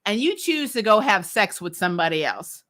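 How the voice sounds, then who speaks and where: Sing-song and fairly bright, her medium-pitched voice moves at normal speed as the comics TV recap host chats with livestream viewers. She laughs often while giving blunt, sweary, casual opinions.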